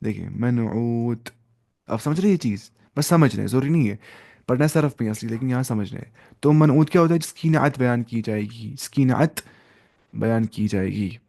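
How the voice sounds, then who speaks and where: A man's voice: medium pitch, normal speed, gravelly, warm tone. A young man teaching an Arabic grammar class to students, explaining each step, asking questions and mixing in English terms.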